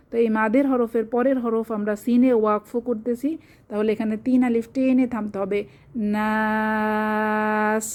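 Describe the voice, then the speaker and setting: A woman's voice: a little high, warm tone. A woman teaching a Quran recitation lesson, explaining rules patiently and checking in with her listeners. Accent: Bangladeshi Bengali. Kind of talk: online tajweed lesson.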